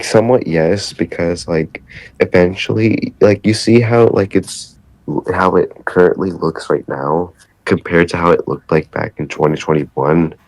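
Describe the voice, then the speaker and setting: A man talking as a podcast guest, hesitant and halting, laughing often. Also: sits low, gravelly, darkish tone, dry recording, low-quality recording. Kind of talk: casual podcast chat.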